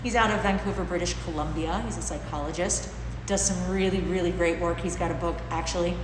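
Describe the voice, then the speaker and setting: A middle-aged woman teaching informally to camera, slightly muffled through a face mask, explaining things in a deliberate, emphatic way. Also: fairly low pitch, steady tone. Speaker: dog trainer and class host. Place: large bare indoor training room with concrete-like floor. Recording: echoey hard-walled room, clear background noise.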